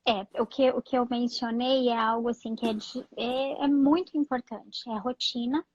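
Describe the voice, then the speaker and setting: Calm woman psychologist, muffled live audio. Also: fairly high pitch, normal speed, no room sound. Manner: calm, reassuring, many "né?" fillers. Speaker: psychologist guest. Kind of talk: live-stream chat giving advice.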